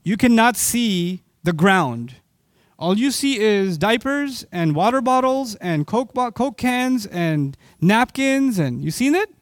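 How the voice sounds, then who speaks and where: A man's voice: sits high, sing-song, slow pace, no echo, studio quality. A man from Pakistan giving an impassioned sermon, often putting rhetorical questions to his audience. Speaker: Islamic preacher.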